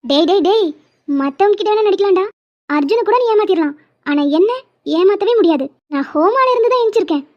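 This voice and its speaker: A woman's voice: very high-pitched, expressive, a little fast. A woman voicing a blunt young woman in a cartoon drama, talking in a bossy, blunt way. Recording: dull lo-fi.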